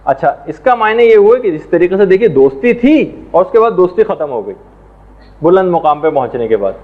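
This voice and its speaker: A man teaching a religious lesson in a measured, explanatory way, now and then reciting Arabic prayers and verses. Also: high voice, very animated. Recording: tinny phone-like sound.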